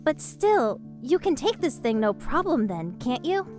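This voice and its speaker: A man voicing an excitable young woman adventurer in an audiobook, eager and full of chattering questions. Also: very high-pitched, measured pace, faint music behind, voice pushed up, exaggerated voice. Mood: hushed eager. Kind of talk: audiobook character voice.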